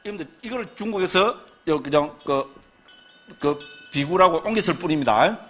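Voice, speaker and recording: A man lecturing on Buddhist scripture, first reciting a text slowly and then explaining it with constant tag and rhetorical questions. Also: on the high side, animated, a bit bright, soft background music. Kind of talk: slow recited scripture reading, then lively classroom lecture.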